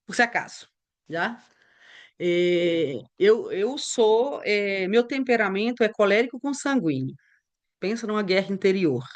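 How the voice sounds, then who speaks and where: Woman teaching bible stuff, chatty and lively, acts out conversations. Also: mid-range voice. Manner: conversational, animated storytelling with acted dialogue.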